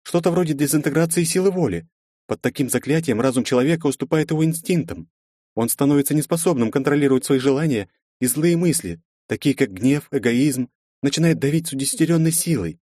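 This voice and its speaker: A man's voice: on the high side, expressive, fairly quick, mellow, no echo, studio quality, voice pushed up. A man doing a tense female mage explaining.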